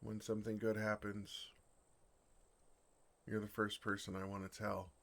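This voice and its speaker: In an ASMR fantasy roleplay, a man voices a bashful, earnest dragon in love, speaking tenderly with hesitant, awkward pauses. His voice is fairly low and a bit bright, with vocal fry and a flat delivery.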